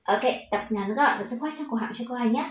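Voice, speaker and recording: A woman's voice: fairly high pitch, fairly quick, reverberant, rough recording. A woman with a Vietnamese accent teaching children English pronunciation, patient and encouraging, stretching out the model words.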